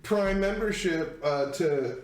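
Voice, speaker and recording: High-voiced man, far off and noisy. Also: slow, reverberant. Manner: joking asides. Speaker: player.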